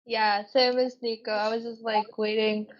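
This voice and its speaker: A woman's voice: on the high side, flat delivery, moderate pace. A woman taking part in an online quiz over a video call, hesitant and thinking aloud as she guesses. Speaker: quiz participant. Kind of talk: casual online quiz chat. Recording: dull lo-fi video call audio.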